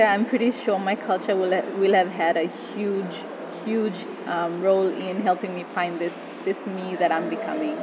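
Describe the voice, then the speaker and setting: A woman speaks in a reflective spoken-word style. Her voice is mid-range in pitch. There is clear ambient noise in the recording. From Papua New Guinea.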